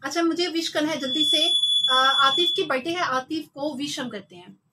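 A woman's voice: high voice, normal speed, pushed and bright. A young Pakistani woman, hosting a live radio show in a small studio, chatting to listeners and mixing in English phrases. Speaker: radio host. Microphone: large studio mic.

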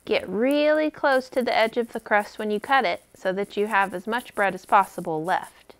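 At a moderate pace and in a fairly bright mid-range voice, a woman in her thirties leads children through a cooking activity at the library. Her instructions are easy to follow, friendly and encouraging, delivered step by step.

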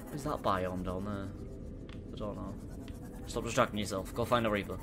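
A man's voice: lowish voice, a little fast, noisy background. A young man with a Teesside accent commentating a VR game, nervous and jumpy, swearing and yelping when startled. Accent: Teesside English. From Middlesbrough, England. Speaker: gaming YouTuber. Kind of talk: VR gameplay commentary. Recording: game music clearly behind the voice. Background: game music.

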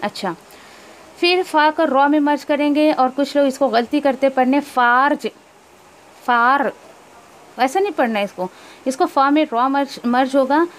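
A high-voiced woman teaches tajweed, explaining each rule before slowly reciting verses. She corrects mispronunciations and mixes English words into her teaching.

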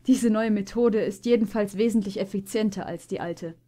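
A woman's voice: medium pitch, normal speed, dark tone, natural voice. A proud, clever stallion with a dry, know-it-all way of talking, played by a woman reading aloud. He sounds touchy and sure of himself.

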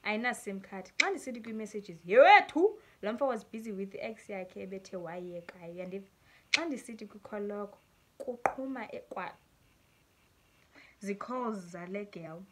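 A young South African woman with a South African accent reads viewers' dating stories aloud on her vlog and reacts as she goes. Her voice is bright and animated, and she laughs often while switching between English and Xhosa. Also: medium pitch, normal speed, slight background noise. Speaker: YouTuber.

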